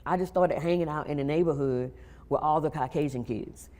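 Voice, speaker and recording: A woman, a guest on a talk show, telling her personal story in a quiet, halting way. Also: sits low. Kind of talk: personal testimony interview.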